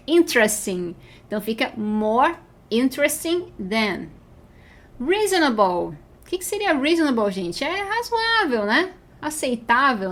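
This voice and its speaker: A Brazilian woman with a high voice teaches a beginner English lesson, and Portuguese is her first language. She explains each grammar rule patiently. She slows right down to draw out each English example word. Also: a bit bright.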